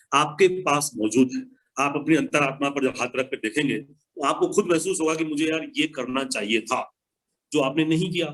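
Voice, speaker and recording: A man's voice: a little high, fairly bright tone, low-quality recording. A man giving motivational advice to an online audience, emphatic and repeating key phrases. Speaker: motivational speaker answering questions.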